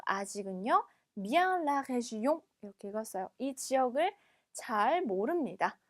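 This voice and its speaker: A woman with a high voice leads a textbook French lesson. She explains each phrase patiently. She reads the French aloud slowly and clearly, often twice. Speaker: French teacher.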